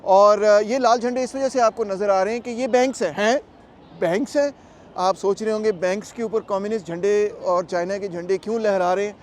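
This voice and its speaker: A man's voice: high-pitched, a little fast, slight background noise. A man talking casually to his camera as he narrates a travel vlog and explains things to viewers. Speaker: vlogger and political commentator.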